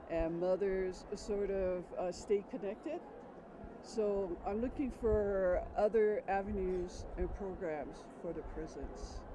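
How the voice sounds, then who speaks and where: Slow, halting woman with traffic behind. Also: medium pitch. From Hawaii. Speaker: pastor. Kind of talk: informal interview remarks. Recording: outdoor traffic noise behind.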